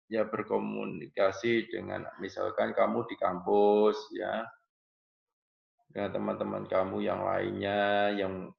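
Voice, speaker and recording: A man's voice: on the low side, gravelly. A man teaching a nursing class, explaining patiently and often tagging phrases with "ya". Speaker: nursing lecturer. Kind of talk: online class lecture. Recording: echoey room, dull lo-fi audio.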